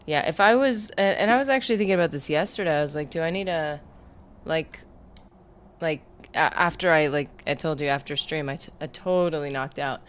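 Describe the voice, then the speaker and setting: Chatty woman streamer, lowish voice. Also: fairly quick. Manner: chatty and rambling, reads viewer comments aloud. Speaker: gaming livestreamer. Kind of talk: casual livestream chat while gaming.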